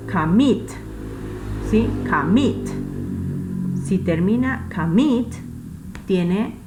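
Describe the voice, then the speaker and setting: Slow, low-voiced woman teaching a class. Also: darkish tone, slight background noise, low-quality recording. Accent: Peruvian Spanish. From Peru. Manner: patient, repeats points with frequent checks. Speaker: English teacher. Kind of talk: recorded online class.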